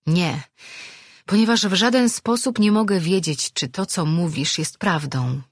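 A resolute young sorceress in a fantasy audiobook, as the narrator voices her. She speaks raised, firm and forceful. The voice is husky and sounds close and dry. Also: medium pitch, takes it slowly, no echo. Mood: doubting. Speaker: character in an audiobook. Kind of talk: audiobook character reading.

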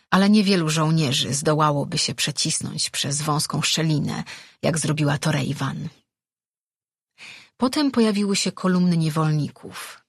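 A man reading a fantasy audiobook as narrator, in slow, measured scripted narration. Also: fairly high pitch, breathy edge, no room sound, studio quality.

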